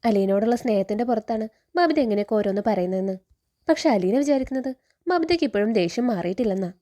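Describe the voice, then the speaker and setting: A woman's voice: medium pitch, expressive, fast talker, mellow. A woman with a Kerala Malayalam accent, retelling a TV serial episode in a chatty storytelling way, tagging friendly particles onto her sentences. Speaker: serial story recap narrator.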